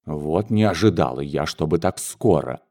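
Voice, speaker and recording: A man's voice: a bass voice, expressive, normal speed, a little mellow, pitched below the performer's own voice. A man voicing a flustered middle-aged mother who frets and stumbles over her words. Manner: fretful, hesitant, flustered.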